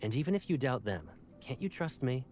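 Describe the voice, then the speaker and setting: An actor playing a protective young man in a game, calm and dry with a teasing edge. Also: mid-range voice, fairly quick, a little hiss or hum, natural voice. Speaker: game character.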